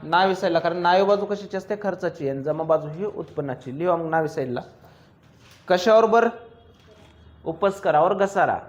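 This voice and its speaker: A male commerce teacher, lecturing a class and drilling students with quick questions and teasing remarks. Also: high-pitched, lo-fi sound.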